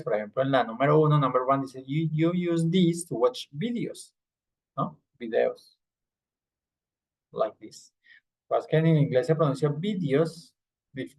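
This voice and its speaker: A man leads an online language class, explaining step by step and checking in with his students through frequent little tag questions. His voice sits a bit high and carries a gravelly edge. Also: a little mellow. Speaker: English teacher.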